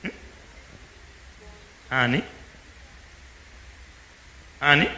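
A man preaching to a congregation, lively and teasing, pausing for his interpreter. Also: on the high side. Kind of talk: sermon with live interpreter. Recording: echoey hall with faint background noise.

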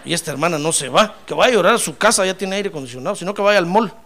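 A man voicing a scornful old priest who grumbles and complains in a deep voice. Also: expressive, very fast, fairly bright tone.

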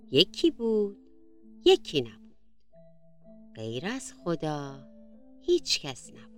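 A woman reading a children's story aloud in a gentle, slow storytelling manner. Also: lowish voice.

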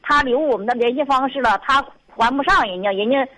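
A woman's voice: sits high, brisk, pushed and bright, rough recording. Exasperated Northeastern woman caller. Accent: Northeastern Mandarin. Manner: exasperated, sighing, rambling. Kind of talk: call-in conversation.

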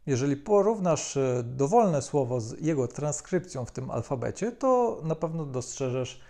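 A man delivers a methodical video lesson in a calm, explanatory tone. His voice is dark and gravelly with a mellow edge. He often pauses on hesitation fillers between phrases. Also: medium pitch. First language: Polish. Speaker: language teacher.

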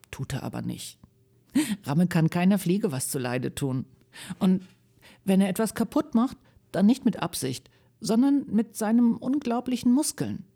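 Woman guest reader in a radio studio, warm mellow voice, lively children's-book storytelling. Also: gravelly, breathy edge. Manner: lively storytelling with shifting pitch. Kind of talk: live reading of a children's book, then chat.

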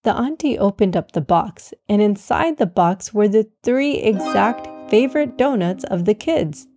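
A woman narrating a children's storybook with clear, steady reading. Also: medium pitch, measured pace, no echo, soft background music.

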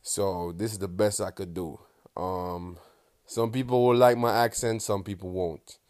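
Deep, steady and a little mellow, the voice belongs to a young Jamaican man with a Jamaican accent who speaks at a measured pace. He hosts a laid-back solo podcast full of rambling, profanity, frequent laughter and plenty of "um"s, in dry, studio-quality sound.

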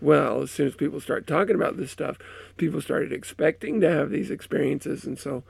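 A male podcast host with a sick, strained voice from a cold, talking in a halting way with many fillers, then reading an account aloud. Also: medium pitch, creaky, breathy edge, dry recording. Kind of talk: casual intro and reading aloud.

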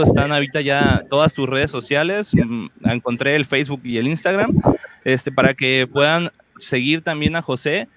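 A man's voice: medium pitch, fairly bright tone, muffled recording, slight background noise. A man with a Mexican accent hosting a casual talk show in a courteous, informal way. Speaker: host.

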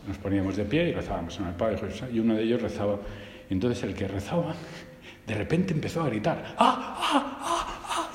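A man from giving a homily as a priest, telling anecdotes in a lively way, often restarting his sentences. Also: medium pitch, echoey room, long reverb tail. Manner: lively storytelling with frequent restarts.

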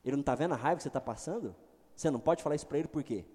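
A middle-aged pastor preaching a sermon, swinging between loud exclamations and quiet asides. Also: male voice, medium pitch, racing, breathy edge. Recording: long hall reverb.

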